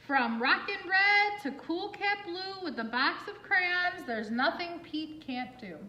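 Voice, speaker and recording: A woman with a very high-pitched voice reads a picture book aloud to children slowly, in an expressive, singsong way, adding asides and questions for her young listeners. The audio is dull, with a roomy, echoing sound.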